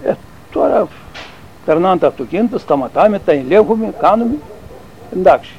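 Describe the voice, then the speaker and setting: Older man telling a halting story. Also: high voice, animated, muffled recording, slight background noise. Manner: rambling, halting, with restarts and fillers. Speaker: interviewee recalling army service. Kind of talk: oral history storytelling.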